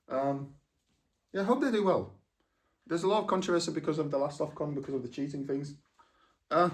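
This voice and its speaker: A man's voice: fairly high pitch, recorded from a distance. A young man from England chatting casually in a video about his collection, rambling with lots of fillers and self-corrections. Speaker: football vlogger. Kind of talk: casual chat.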